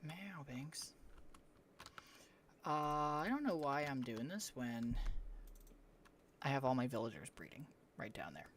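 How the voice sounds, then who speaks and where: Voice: mid-range voice, animated, slow pace, pauses often, slight background noise. A streamer chatting casually while playing a game live, cooing at animals and sometimes dropping to a whisper. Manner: drops into a hushed whisper at times. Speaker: livestreamer. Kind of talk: casual gameplay livestream chat. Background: faint keyboard and mouse clicks.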